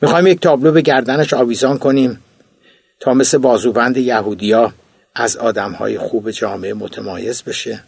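A man, the author, reading his own memoir as an audiobook in a recording studio, in a low, subdued storytelling manner. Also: fairly even intonation, creaky, a little mellow, slightly rough, no echo.

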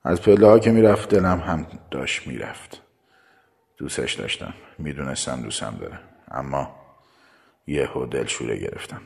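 A man narrating a first-person love story in a hushed, intimate, unhurried way. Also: extremely low pitch, animated, vocal fry.

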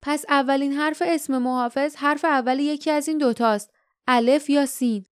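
A woman's voice: high voice, steady tone, voice pushed up, lightly acted. A woman reading the lines of a thoughtful teenage boy in an audiobook. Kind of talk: audiobook character voice.

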